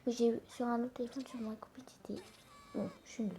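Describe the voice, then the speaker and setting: Woman, fairly high voice, hesitant, self-correcting, half-whispered asides, phone mic, faint background noise. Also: little pitch movement, fairly quick, mellow. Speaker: gaming channel host. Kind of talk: casual mobile gaming commentary. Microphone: phone screen recorder mic.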